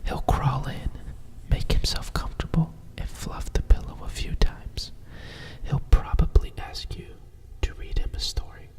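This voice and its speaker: A storyteller whispers a bedtime picture book softly and soothingly, right in the listener's ear, in an unhurried ASMR style. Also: distant mic, low-quality recording. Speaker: storyteller reading a picture book aloud with asides.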